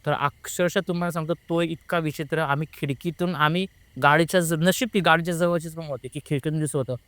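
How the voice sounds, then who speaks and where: A man recounts an eerie experience in an interview. He talks in animated bursts and rushes and restarts his lines as he goes. His voice sits a little high, is smooth and clear, and sounds close and dry with no room echo. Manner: animated, rushes and restarts when retelling fright. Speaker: guest recounting a paranormal experience. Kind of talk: conversational storytelling.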